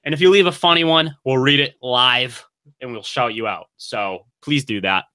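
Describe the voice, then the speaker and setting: A man's voice: mid-range voice, normal speed, bright, forceful tone, clean tone. A man hosting a casual sports podcast, loose and rambling, often laughing at himself. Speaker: podcast host.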